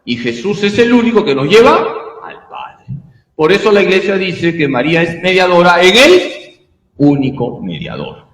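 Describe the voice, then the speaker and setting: Priest lecturing with lively pitch in echoey hall. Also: male voice, moderate pace. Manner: animated, rhetorical questions and answers. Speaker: priest teaching catechism. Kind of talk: catechism class lecture. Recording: echoey hall, long reverb.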